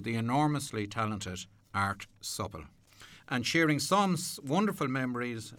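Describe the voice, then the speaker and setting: A man with an Irish accent hosting a radio programme from a studio, presenting in an unhurried, courteous, slightly hesitant way. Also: lowish voice, fairly bright tone, dry recording. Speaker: radio host. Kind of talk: radio presenting, part prepared narration, part chat.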